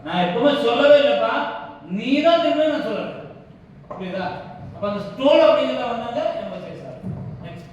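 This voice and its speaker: A woman with a slightly high, animated, darkish voice talks fairly quickly but leaves long pauses while leading a public speaking workshop with demonstrations. She explains each point, then asks frequent questions to make sure the room follows. The audio is dull, with slight background noise, an echoey hall, a distant mic and faint ambience.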